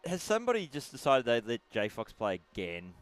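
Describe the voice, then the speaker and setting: A man's voice: mid-range voice, huge pitch swings, brisk, no echo. A man co-commentating a live hockey stream, throwing in dry, teasing quips. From Australia.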